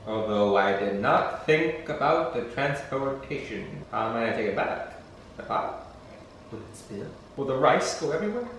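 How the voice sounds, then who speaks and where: A man presents a recipe in a casual, rambling way, full of playful, self-deprecating asides. His medium-pitched voice comes from some distance off the mic. The room is very echoey, with faint noise behind him. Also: big pitch swings, normal speed, a bit bright. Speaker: home cook hosting a recipe video. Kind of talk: casual, rambling cooking demonstration. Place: indoors at a stove, echoey room.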